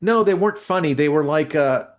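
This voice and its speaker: A male co-host and musician on a casual podcast talks briskly in a fairly high-pitched voice. Blunt and rambling, he often stalls mid-sentence looking for words.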